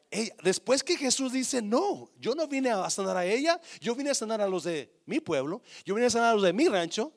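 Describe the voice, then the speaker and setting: A male pastor preaching a sermon with passion, calling out to the congregation and swinging from hushed to shouting. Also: high-pitched, vocal fry. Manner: calls out to congregation.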